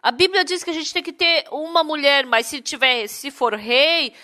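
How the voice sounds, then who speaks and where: High, bright-voiced woman interpreting a sermon. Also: moderate pace. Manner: lively, asks rhetorical questions.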